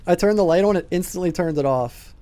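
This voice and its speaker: A man's voice: high-pitched, fast, warm tone. Chatty young male game streamer. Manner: casual, chatty, reads and answers chat, laughs often. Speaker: gaming streamer. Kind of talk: live-streamed gameplay commentary.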